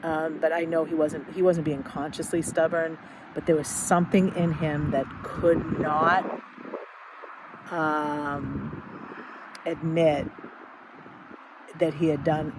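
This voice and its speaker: A middle-aged woman speaking candidly in a halting, reflective personal monologue, with many fillers and restarts. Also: deep voice, little pitch movement, noisy background. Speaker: podcast host.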